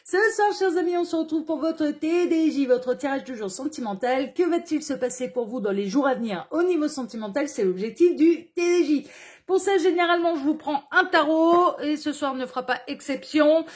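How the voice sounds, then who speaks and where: A woman's voice: high-pitched, moderate pace. A woman hosting a casual tarot reading to camera, chatty and full of hesitant fillers and tag questions. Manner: chatty, sprinkles "hein, d'accord" tag questions. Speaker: tarot card reader and channel host.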